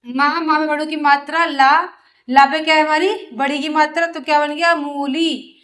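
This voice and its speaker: A woman's voice: sits high, fairly even intonation, moderate pace, a bit bright. A woman teaching children to read, sounding out each syllable and then blending it into a word, often asking the learners questions. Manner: asks rhetorical questions of the learners. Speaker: Hindi teacher. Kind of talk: slow syllable-by-syllable reading lesson for children.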